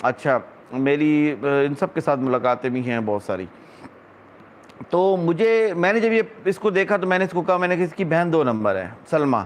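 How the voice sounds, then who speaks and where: A middle-aged man from Pakistan talks straight to his audience in a loose vlog monologue. His voice sits high for a man. He rants, sounding indignant and scornful. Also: a little hiss or hum. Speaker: vlogger. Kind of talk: casual monologue.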